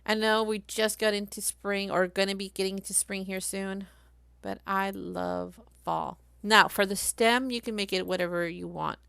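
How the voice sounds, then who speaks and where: A woman live-streaming a craft software tutorial, chatty and thinking aloud as she works. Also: mid-range voice, steady tone, moderate pace, gravelly, clear, resonant tone, no echo.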